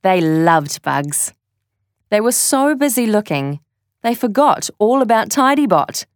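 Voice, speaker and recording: Lady reading a kids story real slow, lowish voice, dry close sound. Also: very animated, no room sound. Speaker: narrator. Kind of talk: children's story read-aloud.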